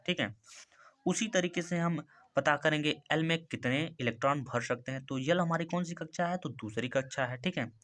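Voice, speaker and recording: A man explains a chemistry lesson in a loose, chatty teaching style. He keeps asking himself short questions and answers them at once. His pitch sits in the middle for a man's voice. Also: fairly bright tone. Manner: repeats key terms as quick questions, says "ठीक है" and "भाई" often. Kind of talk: casual classroom explanation.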